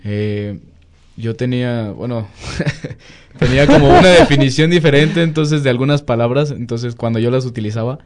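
A young man, a Mexican university student with a Mexican Spanish accent, chatting in a relaxed, casual way. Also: mid-range voice, moderate pace. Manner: relaxed, conversational, uses slang fillers. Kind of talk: casual chat.

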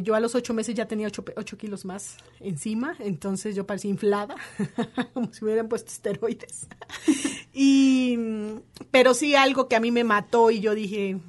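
A Colombian woman in her forties, telling her story in a lively way in an interview and quoting others in their voices. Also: mid-range voice. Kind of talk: conversational interview.

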